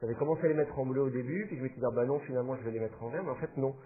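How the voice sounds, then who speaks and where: A man's voice: medium pitch, racing, phone-quality sound. A man teaching a class, explaining patiently and thinking aloud with fillers as he goes. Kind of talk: classroom lecture.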